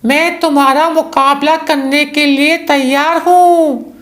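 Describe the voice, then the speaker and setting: A woman's voice: high voice, steady tone, takes it slowly, fairly bright tone. A woman voicing a brave, righteous panther hero, earnest and resolute, in a children's cartoon story. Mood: determined.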